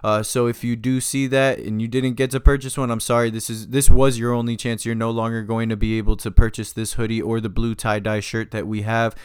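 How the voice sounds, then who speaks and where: A man's voice: medium pitch, little pitch movement, brisk, hardly any pauses, clean tone, dry recording, clean studio sound. A man hosting his own podcast, wrapping up in a casual, laid-back monologue full of "uh" and "yo". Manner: laid-back, loose, with many fillers like "uh" and "yo". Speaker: podcast host.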